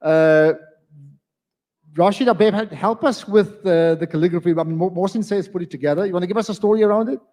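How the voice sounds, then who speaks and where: A chatty man emcees a live event in a big hall. His voice sits a bit high but sounds mellow and warm. A long hall reverb trails every phrase. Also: fairly quick. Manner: chatty, lively, self-interrupting. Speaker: event host. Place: community hall.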